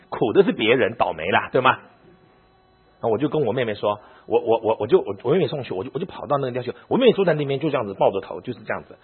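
A man who is a pastor, telling a personal story in a sermon in an animated, emotional way. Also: mid-range voice, husky. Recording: narrow phone-like audio.

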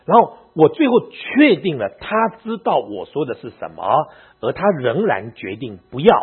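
Man, middle-aged, church elder; animated storytelling sermon; dull lo-fi sound. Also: mid-range voice, breathy edge. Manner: animated storytelling, mixing in English words. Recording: muffled lo-fi recording with mains hum.

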